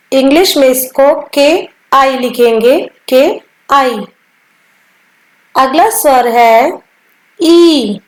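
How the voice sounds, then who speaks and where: A woman teaching the Hindi vowel signs in a slow lesson, saying each sound clearly and then repeating it. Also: sits high, roomy sound, low-quality recording.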